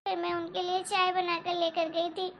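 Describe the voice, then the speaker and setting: A woman voicing a small, timid girl who speaks quietly and plaintively. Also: very high-pitched, monotone, normal speed, slight background noise. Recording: dull lo-fi recording.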